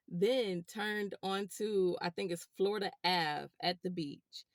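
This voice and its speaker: A woman telling a rideshare story to her viewers in a casual, animated way. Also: lowish voice, takes it slowly, dry recording, clean studio sound. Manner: animated, chatty, addresses viewers as y'all. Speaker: rideshare driver vlogger.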